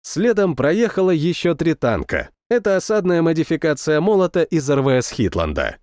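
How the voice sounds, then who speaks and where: Male narrator, lively pitch, dry close sound. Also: normal speed, no echo. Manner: matter-of-fact military storytelling. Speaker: audiobook narrator. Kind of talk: first-person audiobook narration.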